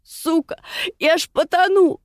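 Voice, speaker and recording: A woman voicing a heavy, crude village woman drowning in panic, shrill and coarse. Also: measured pace, no echo, clean studio sound. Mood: panicked.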